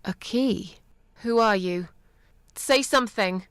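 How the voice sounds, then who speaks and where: A woman voicing a weary, guarded heroine in a horror video game, tense and wary and quick to panic. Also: mid-range voice, no room sound, lightly acted.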